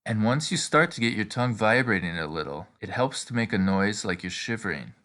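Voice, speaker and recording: Low-pitched, bright-voiced male pronunciation instructor. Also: expressive, a little fast. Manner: instructional, encouraging. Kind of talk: scripted step-by-step tutorial narration.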